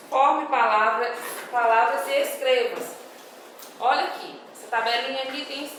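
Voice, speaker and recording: Slow, patient teacher in an echoey room. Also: female voice, fairly high pitch, fairly bright tone. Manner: slow, patient, reads words out syllable by syllable for young pupils. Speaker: primary school teacher. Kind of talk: recorded homework correction for children. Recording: very echoey room, voice far from the mic, faint noise.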